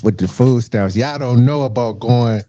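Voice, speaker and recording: A man in his forties, a podcast guest, chatting casually with a Southern US accent, relaxed, often agreeing and repeating phrases. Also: medium pitch, moderate pace, dry recording. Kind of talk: casual chat. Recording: dry dull lo-fi sound.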